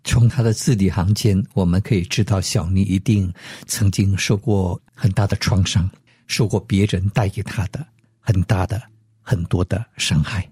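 Man, pastor on faith radio, calm and thoughtful, very husky voice, dry close sound. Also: low-pitched, normal speed, dry recording.

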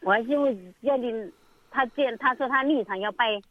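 A woman's voice: on the high side, normal speed, no room sound. Middle-aged woman caller, rambling and repetitive, tinny phone line. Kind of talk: phone-in call.

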